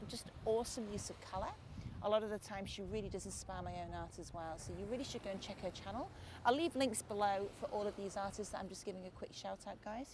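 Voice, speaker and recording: On a beach at sunset, a Lancashire woman in her forties who runs an art channel talks casually to camera in a mid-range voice with a softened local accent. Chatty and warm, she thanks her viewers and calls them guys and mate. Her outdoor camera picks up plenty of noise.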